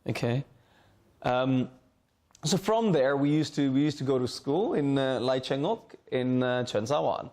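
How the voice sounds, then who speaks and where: Middle-aged guy from hong kong talking to students in a school library, earnest, keeps repeating words, mid-pitched voice. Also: lively intonation, measured pace, darkish tone. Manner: earnest, repeats words while searching for phrasing. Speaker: alumnus guest speaker. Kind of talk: informal talk to students. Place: school library, seated at a table.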